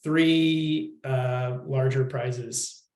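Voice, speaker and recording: A man co-hosting a live webinar, joking in a dry, deadpan way. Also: mid-range voice, drawn-out words, roomy sound. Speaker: guest co-host.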